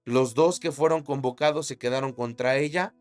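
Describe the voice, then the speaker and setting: Male preacher, mid-pitched, animated storytelling sermon over faint music. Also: moderate pace. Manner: dramatic storytelling preaching, shouted sound effects. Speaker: pastor.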